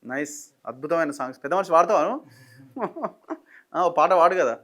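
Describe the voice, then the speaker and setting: Fast-talking journalist interviewer. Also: male voice, fairly high pitch, expressive, fairly bright tone. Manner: brief prompting questions and encouragement. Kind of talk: casual interview questions.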